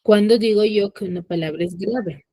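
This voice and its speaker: A woman's voice: medium pitch, moderate pace, mellow. Spanish-speaking woman teacher quizzing her class. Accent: Peruvian Spanish. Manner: questioning, checks understanding with frequent "¿ya?". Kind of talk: online class lesson.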